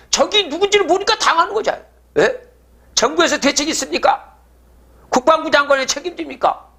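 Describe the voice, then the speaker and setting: A man lecturing on prophecy in a high, animated voice with a bright, forceful edge. He asks rhetorical questions and then answers them himself, often checking in with his listeners. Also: vocal fry. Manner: checks in with the audience with "예?".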